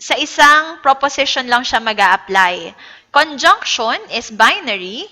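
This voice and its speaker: A teacher from the Philippines, speaking with a Filipino accent, gives a recorded lecture, explaining patiently and mixing English with Tagalog. Her voice is high, pushed and bright, with big pitch swings and an unhurried pace, and the recording has echoey reverb.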